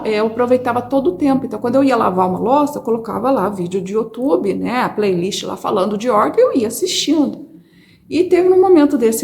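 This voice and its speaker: A woman with a Brazilian Portuguese accent, telling her personal faith testimony to viewers in an expressive, chatty way from a corner of her home. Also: on the high side, a little hiss or hum. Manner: expressive storyteller, addresses viewers as brothers. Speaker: testimony speaker. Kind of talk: personal religious testimony, casual.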